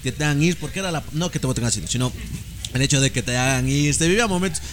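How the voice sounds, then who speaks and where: A man's voice: a little high, fast talker, slight background noise. A young man with an Ecuadorian accent, co-hosting a casual podcast chat and animatedly telling school stories, sometimes singing bits of old chants. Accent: Ecuadorian Spanish. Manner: animated storyteller, sings snippets of school chants. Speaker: podcast co-host.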